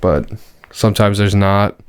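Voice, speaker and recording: A man's voice: fairly low pitch, measured pace, smooth, no echo. A man talking casually and bluntly as co-host of a podcast. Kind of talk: casual chat.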